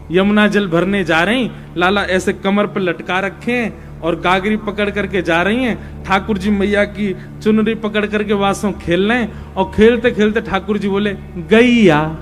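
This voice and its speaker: A man telling devotional stories in a sermon, tenderly acting out the voices in the tales. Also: sits high. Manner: tells tales lovingly, leads the crowd in chanted song. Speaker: devotional preacher.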